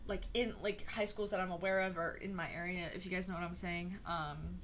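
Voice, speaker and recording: Speaking fairly quickly in a lowish, fairly bright voice with fairly even intonation, a young adult woman wanders from topic to topic on her own podcast. She's from around Chicago, and her easygoing talk is full of fillers. Faint background noise can be heard.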